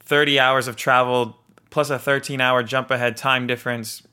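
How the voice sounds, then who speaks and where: Bright, clear-voiced man telling a story. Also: mid-range voice, moderate pace. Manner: animated, vivid retelling with voiced quotes. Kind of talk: casual personal storytelling.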